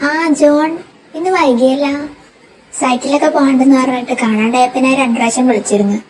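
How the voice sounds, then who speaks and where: A woman voicing a caring middle-aged mother in a fan audio drama, gently fussing over her husband. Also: high-pitched, steady tone, a little fast, close to an everyday voice. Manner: fussing and soothing. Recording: distant mic with faint noise.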